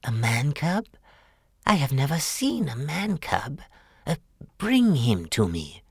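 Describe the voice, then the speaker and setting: A woman voicing a mother wolf who speaks softly and tenderly in a slow, lilting storybook manner. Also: very animated, husky, no echo, studio quality, exaggerated voice. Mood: wondering. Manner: soft and lilting with wide pitch swings.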